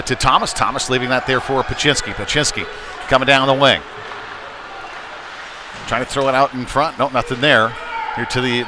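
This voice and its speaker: A man calls live ice hockey play-by-play in short, choppy bursts with a mid-pitched voice. The noisy rink ambience of the venue is clearly audible behind him.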